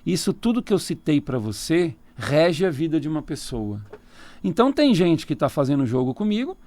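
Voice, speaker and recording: A man's voice: on the high side, very animated, normal speed, a little mellow. A man with a Brazilian Portuguese accent, a tarot reader talking casually as a radio interview guest, explaining at length and laughing easily. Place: radio studio.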